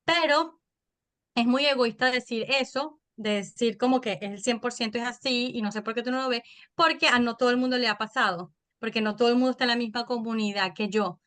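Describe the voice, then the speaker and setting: A woman in her thirties with a Venezuelan accent, a podcast guest telling stories in an animated, chatty way. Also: fairly high pitch. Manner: animated storytelling, quick and chatty. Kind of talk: casual interview chat.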